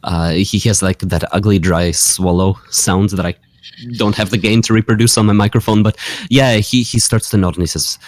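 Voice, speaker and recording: A man's voice: on the low side, fairly even intonation, moderate pace. A man narrating his character in a tabletop game, hesitant and full of fillers. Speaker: player. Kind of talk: tabletop role-play narration.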